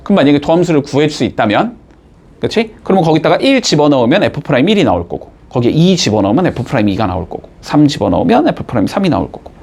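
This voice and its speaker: Male math teacher, fairly high and animated voice, talks in step-by-step explanations with frequent quick check-ins. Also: vocal fry, breathy edge. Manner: checks in constantly with quick rising tags. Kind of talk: classroom lecture.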